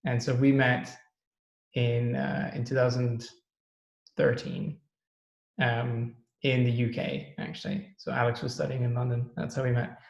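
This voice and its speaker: Gravelly and medium-pitched, this man from the Netherlands is a startup co-founder appearing as a podcast guest. He thinks aloud with many ums in a casual interview chat, and the echoey, roomy audio has its highs cut off.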